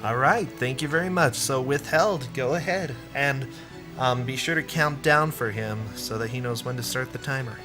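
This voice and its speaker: A man hosting a charity livestream marathon, reading donor messages aloud in a brisk, upbeat way. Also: medium pitch, over music. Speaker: marathon host reading donations.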